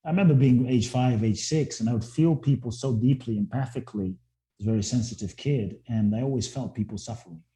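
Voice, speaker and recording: A guest speaker, born in Ghana and raised in London, tells his story in an earnest, reflective manner, repeating words as he begins sentences. His mid-range voice is warm and fairly quick, and the recording has a roomy echo.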